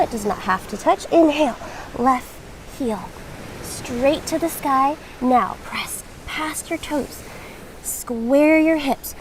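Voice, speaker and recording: Woman, yoga instructor, high-pitched voice, encouraging and reassuring, measured class cues, faint ambient noise. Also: rough recording.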